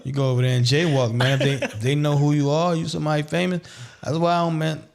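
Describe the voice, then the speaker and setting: This podcast host has a gravelly, fairly high voice with little pitch movement, and he talks quickly. His casual chat is slangy and repetitive, and he keeps checking he's understood with "you know what I'm saying."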